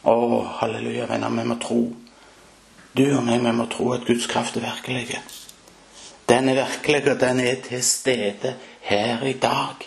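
A man's voice: mid-range voice, little pitch movement, creaky. A man preaching a fervent sermon, with emphatic rises and exclamations. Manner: fervent, rising to emphatic peaks. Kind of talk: Pentecostal-style sermon.

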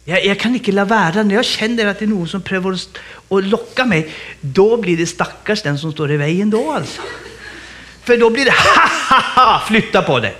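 Male guest preacher, high-pitched, animated sermon delivery full of exclamations and laughter. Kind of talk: lively sermon.

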